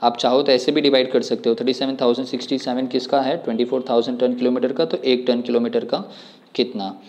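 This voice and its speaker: A man's voice: medium pitch, level tone, fast talker, a little mellow. A man tutoring students through an exam problem step by step, often asking questions back at them. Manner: explains step by step, asks rhetorical questions. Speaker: commerce tutor. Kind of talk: exam problem walkthrough lesson.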